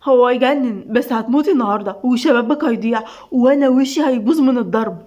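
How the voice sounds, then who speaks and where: Jumpy joking young guy, egyptian accent, loud and high, woman reading. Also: fast, lightly acted. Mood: nervous. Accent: Egyptian Arabic.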